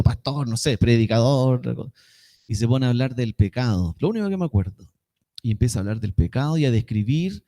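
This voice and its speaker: Young Chilean preacher, casual slangy storyteller, mellow low-bright tone. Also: male voice. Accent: Chilean Spanish. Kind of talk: sermon with personal testimony.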